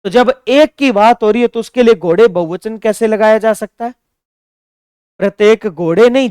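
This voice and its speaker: A man teaching a Hindi grammar lesson for exam preparation. He reads example sentences slowly, then corrects them emphatically. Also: sits high, darkish tone, clean tone, dry recording, studio quality. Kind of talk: exam-prep grammar lecture.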